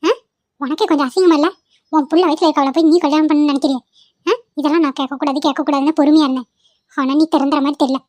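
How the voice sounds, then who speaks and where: A woman's voice: sits high, steady tone, very fast, a little mellow, dry recording, natural voice. A woman voicing an old grandmother in a cartoon who longs to see her granddaughter and scolds her grown son. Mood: scolding. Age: older. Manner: scolding and pleading. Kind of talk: cartoon voice acting.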